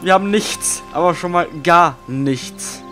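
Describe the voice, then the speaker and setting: A man giving casual commentary over his own gameplay. He is excitable, swears often, and swings between quiet mumbling and loud outbursts. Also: sits high, measured pace, faint music behind. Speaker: let's play gamer.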